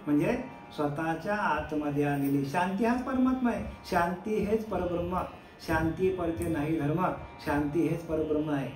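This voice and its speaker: A man, a spiritual teacher, giving a devotional discourse. He asks rhetorical questions, answers them, and slowly chants verses. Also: on the high side, a little mellow, echoey room.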